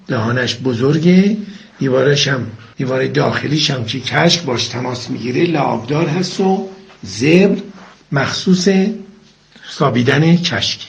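Gravelly man explaining over a dull line. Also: fairly high pitch. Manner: steady explanatory, slow careful listing. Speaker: caller sharing local food lore. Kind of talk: informative talk over a phone line.

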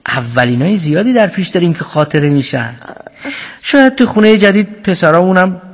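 Soft, teasing middle-aged husband in a radio play, slightly high voice, long reverb. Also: male voice, big pitch swings, heavily acted. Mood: gentle. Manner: gentle, teasing. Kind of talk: radio drama acting.

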